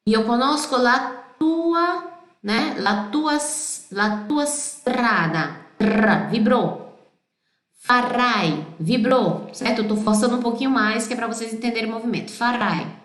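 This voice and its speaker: Slow-talking Brazilian woman teaching Italian. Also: on the high side, a bit bright, reverberant. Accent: Brazilian Portuguese. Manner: sings song lines slowly, then explains quickly. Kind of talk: pronunciation lesson.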